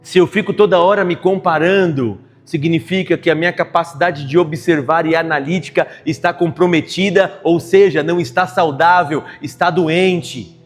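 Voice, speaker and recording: A man preaching a sermon at a church service, swinging from quiet confession to loud emphatic outbursts. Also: high-pitched. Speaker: pastor preaching.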